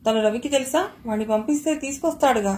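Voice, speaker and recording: A woman's voice: a little high, fast, a little mellow, a little hiss or hum, natural voice. A woman reading an audio novel, voicing a strict middle-aged mother who questions her daughter curtly. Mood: suspicious. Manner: questioning, curt.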